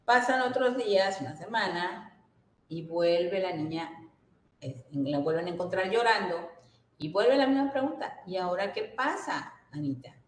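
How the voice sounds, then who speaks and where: A woman's voice: on the low side, lively intonation, unhurried, slight background noise. Earnest woman in a roomy space. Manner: earnest, often checks in with listeners. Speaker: workshop speaker. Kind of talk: educational workshop talk. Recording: roomy echo.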